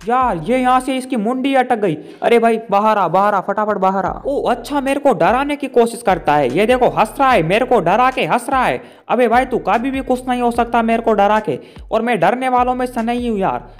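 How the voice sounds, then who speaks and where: A man rattles off playful gameplay commentary. He is excitable and joking, talking straight to the character on screen and to his viewers. Faint music plays underneath. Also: high voice. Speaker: gaming YouTuber.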